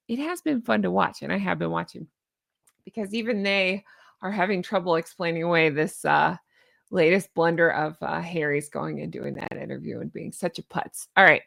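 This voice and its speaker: Her voice runs on the low side with vocal fry and a fairly bright tone, recorded dry through a studio mic on a boom arm. She's a thirtysomething woman from the American South hosting a sarcastic, chatty YouTube commentary vlog from a home studio with neon lights, laughing frequently as she reacts.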